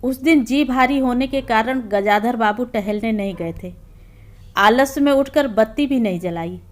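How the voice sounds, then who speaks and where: A woman narrating a literary short story aloud in a calm, even storytelling manner. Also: fairly high pitch, unhurried.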